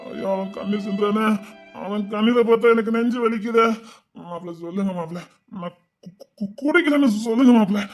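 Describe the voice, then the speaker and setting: An actor playing a tearful, remorseful brother, sobbing and stammering in a Tirunelveli Tamil accent, in a web-series family drama. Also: male voice, high-pitched, flat delivery, fairly quick, soft background music, lightly acted. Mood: grieving.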